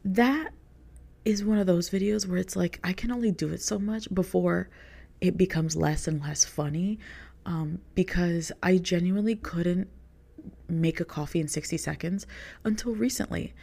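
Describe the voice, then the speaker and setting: A woman's voice: on the low side, normal speed, gravelly, dark tone. A young woman, a content creator, talking casually in a rambling podcast monologue, filling her sentences with "like". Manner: rambling, heavy use of "like" as filler.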